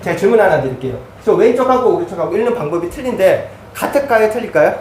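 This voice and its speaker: Pastor guy, kinda high voice, walking thru a chart step by step, sounds far off in a roomy church hall. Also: very animated, quick pace, darkish tone, a little hiss or hum. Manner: explanatory, walks through a chart step by step. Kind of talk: teaching sermon.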